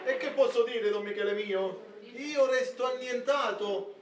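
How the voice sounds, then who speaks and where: A man's voice: very high-pitched, unhurried. A middle-aged man playing a reluctant, stunned suitor in a stage comedy, plaintive and hesitant. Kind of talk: live Italian stage comedy acting. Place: indoor theatre stage. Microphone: far camera. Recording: roomy theatre, distant microphone.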